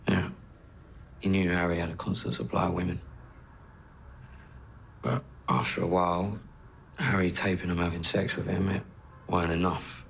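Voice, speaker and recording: An actor playing a guarded young male drug dealer in a police interview, speaking flatly. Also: low voice, moderate pace, gravelly, long pauses, a little hiss or hum. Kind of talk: TV crime drama acting.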